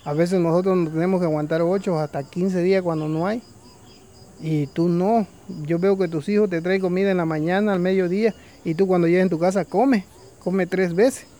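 Weary vulture from a spoken folk tale, man doing it, warning tone, raspy, fairly high. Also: a little fast, a little mellow. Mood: sorrowful. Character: weary, sorrowful male vulture.

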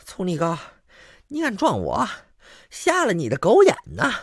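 A man voicing a shabby, sly male street swindler with a thin, high voice who bullies and blusters. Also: wildly swooping pitch, measured pace, no echo, studio quality, full character voice. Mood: bullying. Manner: bullying, blustering.

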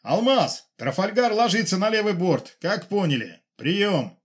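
A man voicing a seaplane pilot who shouts urgent reports over the radio in a high, strained voice. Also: big pitch swings, measured pace, slightly rough, heavily acted.

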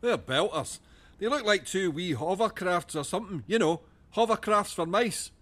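A man's voice: sits high, lively intonation, moderate pace, a bit bright. An actor with a Scottish accent playing a man who rambles off into fanciful tangents. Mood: rambling. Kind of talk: sitcom acting.

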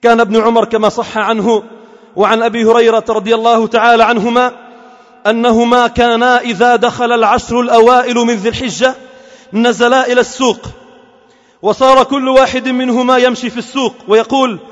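A man preaching a Friday sermon in a mosque, impassioned and at times rising to a shout. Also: extremely high pitch, flat delivery, brisk. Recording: echoey mosque hall.

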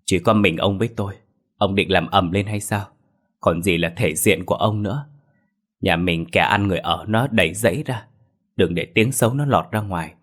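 A man's voice: deep voice, moderate pace, fairly bright tone. A man voicing an anxious older mother who pleads and wails for her daughter. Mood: pleading. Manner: pleading, wailing.

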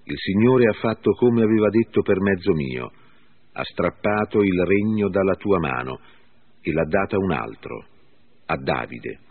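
A man's voice: sits low, lively intonation, moderate pace. A man voicing the spirit of an old prophet, in a grave stern reading. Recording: phone-like lo-fi with faint music.

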